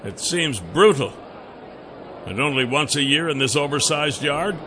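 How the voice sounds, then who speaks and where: A man's voice: on the high side, animated, a little slow, pushed and bright, a little hiss or hum, pitched above the performer's own voice. A man playing a scaled, muscular young dragon-man hero who asks plain, blunt questions. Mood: wary.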